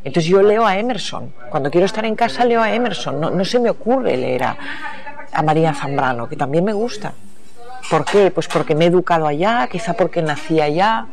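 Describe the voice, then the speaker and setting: A woman's voice: fairly low pitch, lively intonation, fairly quick, darkish tone. A woman from the United States, a novelist in an interview, talking about her reading and writing in a thoughtful, searching way that often trails off and restarts. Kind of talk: reflective interview talk.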